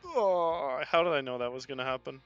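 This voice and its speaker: A man's voice: medium pitch, expressive, a little fast, clean tone, dry recording, muffled recording. A young man, a team coach, talking casually through match footage on a livestream, chatting with viewers and swearing now and then. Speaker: esports head coach reviewing match footage. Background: faint music playing.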